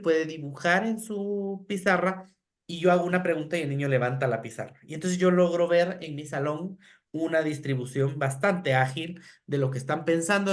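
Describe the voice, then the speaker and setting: A middle-aged man with a Guatemalan Spanish accent gives a teacher-training lecture, explaining step by step and often asking rhetorical questions with a tag "¿verdad?". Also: a little high. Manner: acts out classroom phrases in a raised voice. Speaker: education lecturer.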